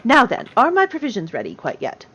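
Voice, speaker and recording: A woman's voice: fairly high pitch, wildly swooping pitch, a little fast, sharp tone, slight background noise, voice pushed up, full character voice. A woman voicing a polite, stubborn, very old grandmother gnome who talks in a genteel, old-fashioned way. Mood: firm. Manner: genteel, old-fashioned, calls people dearie.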